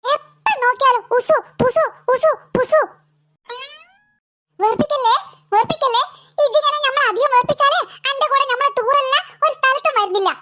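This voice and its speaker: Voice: very high-pitched, moderate pace, pushed and bright, a little hiss or hum. A voice actor playing a cheeky, quarrelsome schoolboy in a cartoon, speaking with a Malabar Malayalam accent. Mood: annoyed. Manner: teasing, bragging, mock-threatening. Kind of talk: animated cartoon voice acting.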